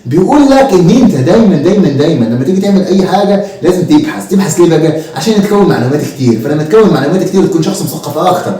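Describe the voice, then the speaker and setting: A man plays an exasperated Egyptian teacher who lectures at great speed and mocks and threatens his student. His voice is mellow and fairly high for a man. It sounds distant in a strongly echoing room. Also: animated, racing, few pauses, natural voice. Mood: lecturing. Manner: mocking, threatening, preachy. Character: exasperated, stick-wielding male teacher. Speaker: comic actor. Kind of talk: comedy sketch acting. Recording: echoey room, mic far off.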